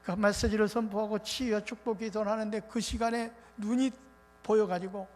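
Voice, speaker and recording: A male pastor preaching a revival sermon in an animated, colloquial storytelling way. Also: high-pitched, a little fast, soft background music. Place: church sanctuary. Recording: reverberant church hall with faint noise.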